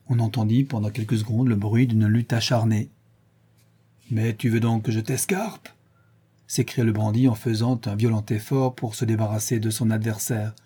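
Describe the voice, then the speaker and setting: A man giving a measured, dramatic scripted narration of a classic novel as an audiobook reader. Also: lowish voice, flat delivery, mellow, breathy edge.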